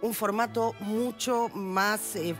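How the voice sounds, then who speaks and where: A woman's voice: medium pitch, fairly even intonation, slow pace, faint music behind. A woman with an Argentine accent explaining spelling rules on a TV news show in a patient, teacherly way. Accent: Argentine Spanish. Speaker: language columnist. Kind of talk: explanatory TV segment.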